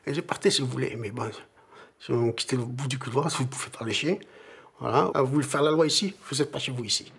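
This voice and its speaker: An older man giving an earnest interview testimony, halting at times and repeating words. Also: medium pitch, vocal fry, a bit bright, breathy edge.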